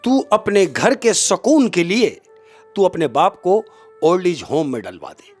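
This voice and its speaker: A pushy, know-it-all friend, voiced by a male storyteller, pitched higher than the teller's own voice and bouncing with emphasis. He coaxes in a confident, insistent way. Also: sing-song, measured pace, faint music behind, full character voice. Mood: coaxing. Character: young man's friend, pushy adviser.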